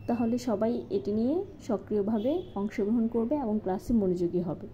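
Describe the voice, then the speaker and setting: A woman calmly walking through a lesson plan step by step, as a teacher-training instructor. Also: fairly high pitch, normal speed. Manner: methodical, step-by-step with occasional fillers. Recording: slightly dull lo-fi recording with faint noise.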